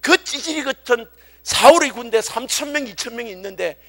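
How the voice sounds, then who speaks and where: A man preaching a church sermon, telling a story in a casual, colloquial way with animated delivery. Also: extremely high pitch, fairly quick, creaky. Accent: Korean. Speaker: youth pastor. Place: church service.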